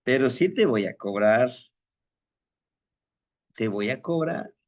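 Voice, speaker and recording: A man voicing a gentle, wise elderly grandfather who speaks in a patient, soothing way. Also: medium pitch, expressive, slow pace, lo-fi sound. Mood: calm, kindly. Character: gentle wise old male village elder.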